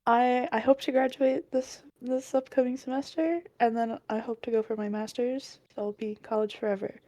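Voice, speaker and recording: A woman's voice: on the high side, steady tone, moderate pace, mellow, dry recording. Giggly twenty-something woman. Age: 20s. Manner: cheerful, giggly, hesitant with fillers. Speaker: podcast co-host. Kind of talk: casual chat.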